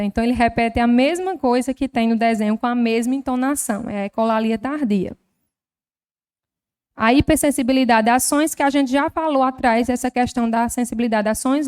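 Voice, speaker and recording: A health professional with a Northeastern Brazilian accent lectures at a formal session in a slightly high, smooth voice. She explains step by step and piles up everyday examples. Her tone is gently didactic. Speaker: health professional giving a talk. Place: legislative chamber.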